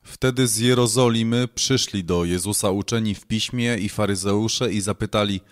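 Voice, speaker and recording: A man reading scripture aloud in a measured, solemn way. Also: lowish voice, steady tone. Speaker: scripture reader.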